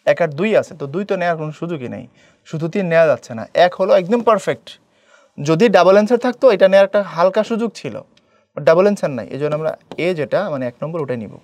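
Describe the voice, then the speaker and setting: A man's voice: fairly high pitch, lively intonation, quick pace, a little mellow, no echo. A young man, teaching an exam-prep lecture and often checking that listeners follow.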